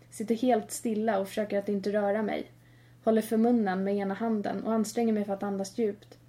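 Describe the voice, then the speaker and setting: Female narrator for a horror audiobook; dark, even tone, tense and hushed. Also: mid-range voice. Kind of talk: first-person horror story reading.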